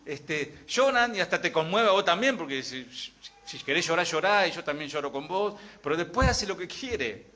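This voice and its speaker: A middle-aged man with an Argentine accent preaches to his congregation in a bright, forceful voice that sits a little high. He talks like he is chatting with the room and keeps checking in with rhetorical questions. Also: animated, normal speed, few pauses. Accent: Argentine Spanish. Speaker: pastor. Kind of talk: sermon.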